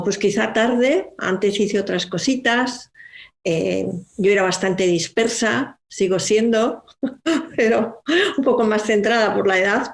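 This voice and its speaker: A woman from Spain, a guest on a podcast, telling her story in a loose, rambling way. She leans on small fillers as she goes. Her pitch sits in the middle. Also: creaky. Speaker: magazine director, guest. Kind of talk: casual interview.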